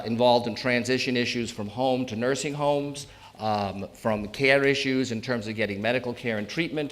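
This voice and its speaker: Here a man in his sixties, an elder law attorney with a New England accent, speaks in a mid-range, fairly bright voice. He keeps the live presentation casual and trades jokes with listeners.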